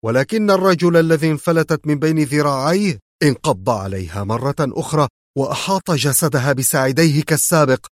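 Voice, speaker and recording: A man reading a spy thriller aloud as narrator, in a measured, dramatic manner. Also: fairly high pitch, lively intonation, dry recording, studio quality. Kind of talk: scripted audiobook narration.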